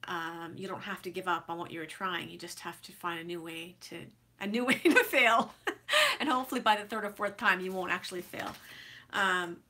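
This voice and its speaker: On the low side and steady, her voice comes out brisk, pushed and bright. She is an author in her forties vlogging writing advice while congested from a head cold, talking casually with lots of fillers and restarts.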